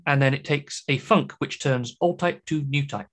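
A man's voice: mid-range voice, moderate pace, fairly bright tone. A man with a British accent giving a chatty, enthusiastic conference talk on programming, with joking asides. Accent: British English. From Britain. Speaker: conference speaker.

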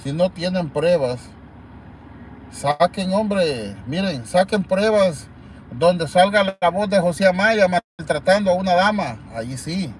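Slow, blunt livestream host. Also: male voice, high-pitched, animated, slight background noise. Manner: blunt, scornful and crude. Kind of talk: casual live-stream talk.

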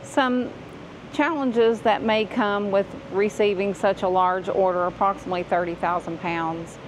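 A woman's voice: mid-range voice, steady tone, a little slow, slight background noise. A woman who owns a laundromat, talking casually and explaining things step by step on a vlog, speaking from inside one of her laundromats. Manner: chatty, explains step by step to the camera. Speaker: laundromat owner.

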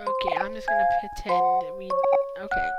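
A woman's voice: mid-range voice, little pitch movement, moderate pace. A young woman hosting a casual let's play, chatty and goofy, often cutting herself off with sarcastic asides. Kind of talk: casual gameplay commentary. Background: loud game music.

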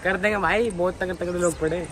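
A man's voice: sits high, fairly even intonation, fairly bright tone, a little hiss or hum. A young man bantering with a friend during a vlog, joking and teasing, picked up off-camera by a phone. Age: young adult. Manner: quick, joking. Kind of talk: casual banter.

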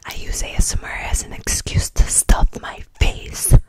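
A woman's voice: moderate pace, no room sound. A young woman whispering close to the mic while tasting candy for an ASMR video, frank and joking as she chews. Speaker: ASMR creator.

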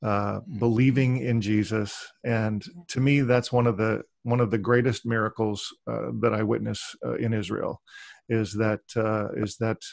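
Gravelly man on a video call. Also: fairly low pitch, little pitch movement, a little slow, darkish tone, no room sound, studio quality. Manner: enthusiastic, restarts often. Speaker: interviewer. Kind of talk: casual video call interview. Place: home study with bookshelves. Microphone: desk microphone on a video call.

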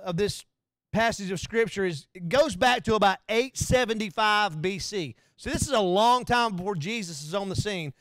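A man preaching a conversational sermon, animated and joking, sometimes acting out bits in a low hushed voice. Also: clear, resonant tone, no room sound. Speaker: pastor.

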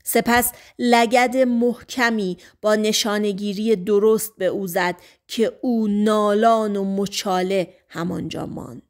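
A woman narrating an audiobook in a scripted, dramatic reading. Her voice sits at a mid pitch. She drops almost to a whisper at tense moments. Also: fairly even intonation, hardly any pauses.

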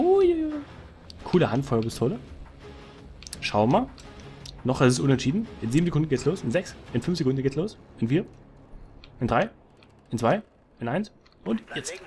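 A man giving excitable live commentary over his own gameplay into a headset microphone, calling out wins and losses. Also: medium pitch, slight background noise. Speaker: gaming commentator.

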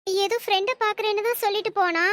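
A woman's voice: very high voice, fairly even intonation, fast talker, a bit bright, dry recording. A woman voicing a meek young daughter-in-law in a storybook drama, asking timid questions.

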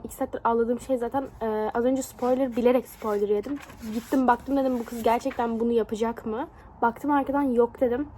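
High-pitched animated young woman vlogger. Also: slight background noise. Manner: animated, exclaiming, laughing often. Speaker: book vlogger. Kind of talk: casual reading vlog.

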